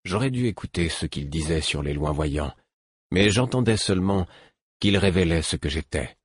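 A man reads a first-person fantasy novel in a very low, husky voice. His delivery is measured and steady. The recording is close-miked and dry, with no room around it. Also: no room sound. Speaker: audiobook narrator.

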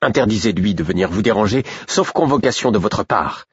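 A man's voice: on the low side, expressive, a little fast, breathy edge, no room sound, pitched above the performer's own voice. A man voicing a haughty young prince who gives curt, commanding orders. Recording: dull, muffled audiobook sound.

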